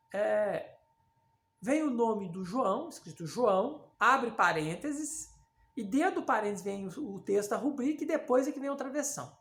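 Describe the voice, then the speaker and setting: A woman literature teacher giving a recorded class, conversational, with many fillers and frequent check-ins with her students. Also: a little high. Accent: Brazilian Portuguese. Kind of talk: recorded online class lecture. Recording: echoey room.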